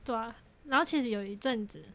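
A woman's voice: a little high, fast talker, fairly bright tone. A young woman guest on a podcast, chatting casually, giggly and teasing. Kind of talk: casual chat.

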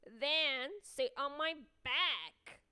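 A woman's voice: high voice, pushed and bright, heavily acted. Woman playing a sly coaxing fox. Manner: slow, coaxing. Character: sly smooth-talking male fox.

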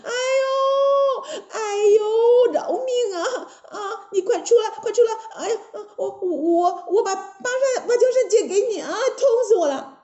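A woman voicing a proud, easily frightened fairy princess in a told story, shrill and wailing. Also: wildly swooping pitch, takes it slowly, dark tone, echoey room, highs cut off, exaggerated voice.

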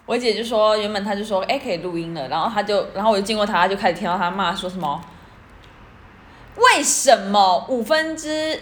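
A woman's voice: mid-range voice, very fast, few pauses, slight background noise. A woman with a Taiwanese Mandarin accent, telling anecdotes as a podcast co-host in casual chat and acting out the quotes. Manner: chatty storyteller, acts out quotes.

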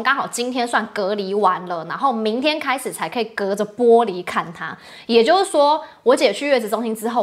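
A woman's voice: a little high, a bit bright. A young adult woman with a Taiwanese Mandarin accent, hosting a casual livestream, chatty and rambling, laughing often and greeting viewers' comments. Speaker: livestream host.

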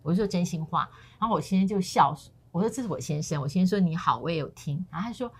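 Animated husky-voiced woman telling stories. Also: on the low side, very fast. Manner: animated storytelling, acting out quoted voices. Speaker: co-host. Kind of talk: casual talk-show chat.

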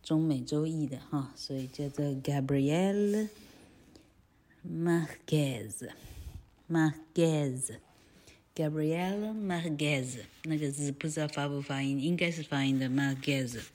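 A woman's voice: sits low, moderate pace, few pauses, dark tone. A woman teacher with a Taiwanese Mandarin accent giving a chatty lesson on a picture book, peppering her talk with little fillers. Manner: chatty, frequent filler "ha", self-correcting; spells out words letter by letter.

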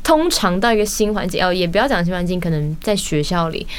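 A woman's voice: on the low side, animated, fast, clean tone. Playful young Taiwanese-accented woman chatting. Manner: playful, teasing, acts out quoted lines. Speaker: podcast co-host. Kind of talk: casual chat.

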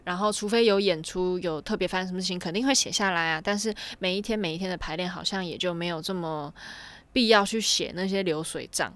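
A woman's voice: fairly low pitch, fast, a bit bright. A young woman, telling a casual story to camera and chaining her thoughts with constant "and then"s. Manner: rambling, chains clauses with "and then".

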